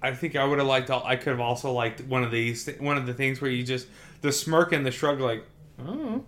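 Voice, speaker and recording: This podcast co-host reviews films casually in a medium-pitched voice, speaking briskly. He's lively, throws in the odd swear word, and acts out quotes.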